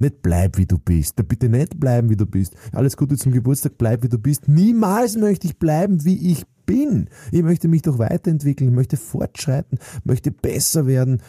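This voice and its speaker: A man's voice: mid-range voice, normal speed, mellow, husky, no room sound, clean studio sound. A middle-aged man, giving an emphatic, preachy motivational podcast monologue with many fillers and restarts. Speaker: sales trainer and podcast host.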